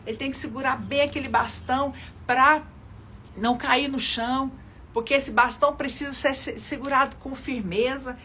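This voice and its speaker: Older woman, livestream preacher, somewhat high voice, earnest and emphatic, faint background hiss. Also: a bit bright. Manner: earnest, repeats phrases for emphasis, speaks to viewers directly. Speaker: children's ministry leader. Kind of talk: livestream sermon with testimonies.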